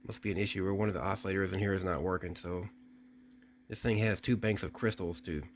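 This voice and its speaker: Unboxing an old radio he purchased, a man tests the gear and talks it through plainly, occasionally breaking off and restarting sentences. His lowish voice is fast with fairly even intonation, and a faint hiss lies beneath the indoor audio.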